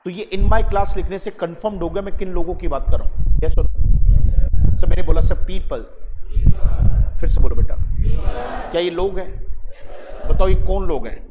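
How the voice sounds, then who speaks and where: A man with a fairly high voice teaching a class, coaxing and quizzing his students by name. He is recorded in an echoey classroom with a long reverb tail, with steady background noise throughout. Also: moderate pace, long pauses. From Haryana, India. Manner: coaxing, keeps quizzing students by name, calls them beta. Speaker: English teacher. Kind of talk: classroom lesson.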